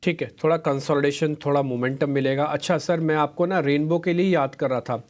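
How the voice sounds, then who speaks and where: Higher-voiced man anchoring live market talk. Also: fairly even intonation, brisk, darkish tone. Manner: chatty, coaching viewers directly. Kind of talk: live stock market commentary.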